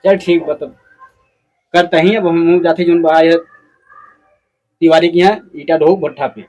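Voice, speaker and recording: A man's voice: on the high side, steady tone, unhurried, a little mellow, muffled recording, natural voice. A man playing a jobless, defensive village husband in a family skit, arguing and grumbling in rustic speech with an eastern Hindi belt, Bhojpuri-Awadhi accent. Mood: grudging. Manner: argumentative, muttering repetitions, rustic speech. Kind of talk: amateur family skit dialogue.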